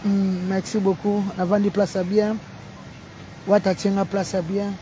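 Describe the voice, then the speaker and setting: A man calls out greetings to fans, rattling off names with excited energy. His voice sits fairly high. He is outdoors, with loud street and vehicle noise behind him. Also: a little slow. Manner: excited, shouting out names one after another.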